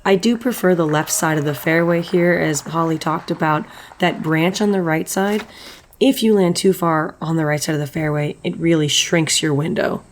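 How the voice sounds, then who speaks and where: Woman co-commentator, low voice, conversational golf-style delivery. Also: normal speed, slight background noise. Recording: music behind the voice. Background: background music.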